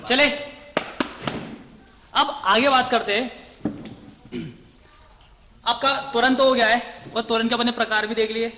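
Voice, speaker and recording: Male physics teacher, high voice, classroom lecture style, long room reverb. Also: little pitch movement, a little slow, long pauses, bright, forceful tone, a little hiss or hum. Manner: repeats questions and answers them himself, says "ठीक है" often.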